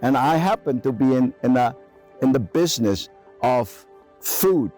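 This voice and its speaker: A man's voice: mid-range voice, expressive, unhurried, a little mellow, soft background music. Enthusiastic older man with Cantonese accent. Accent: Cantonese-accented English. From Guangzhou, China. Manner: enthusiastic, emphatic, broken English phrasing. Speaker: chef and presenter. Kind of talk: documentary presenting to camera.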